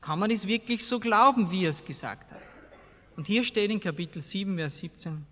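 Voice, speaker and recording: A man with an Austrian accent delivers a colloquial evangelical sermon to a seated congregation in a large hall, his high voice ringing through the long, echoing reverb. He's blunt and emphatic, uses everyday speech, and often throws rhetorical questions at his listeners. His pace is fairly quick and his tone fairly bright, though the highs are cut off.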